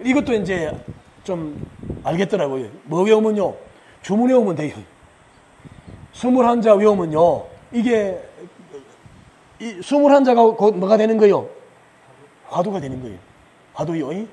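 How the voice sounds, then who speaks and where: A man giving a lively lecture at a religious retreat, asking questions of the audience, answering them himself and chuckling as he goes. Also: high-pitched, unhurried, pauses often, husky. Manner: chuckles often while he explains.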